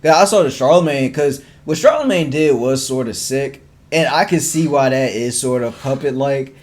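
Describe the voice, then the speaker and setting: A man from Virginia talks sports on a podcast at an everyday middle pitch. His speech is loose and rambling, full of fillers and quick restarts, in an easygoing back-and-forth with his co-host. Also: lively intonation. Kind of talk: casual sports chat.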